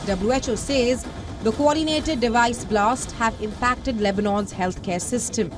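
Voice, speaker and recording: A high-voiced woman reads a scripted news report in a formal, measured manner, with a music bed clearly audible behind her.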